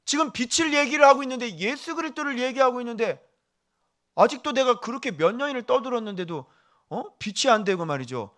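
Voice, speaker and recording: A male pastor preaching a sermon, animated and firing questions at the congregation, dropping to a hush for asides. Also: very high-pitched, a little fast.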